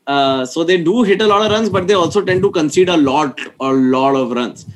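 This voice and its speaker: A man with an Indian accent hosting a casual sports discussion in halting bursts, mixing Hindi into English. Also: a little high. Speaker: podcast host. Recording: clear background noise with clicks.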